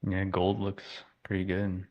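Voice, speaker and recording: A man with a very deep voice chats about his trades on a live stream. He sounds easygoing and relaxed. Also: unhurried, dull audio. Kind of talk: casual live-stream chat.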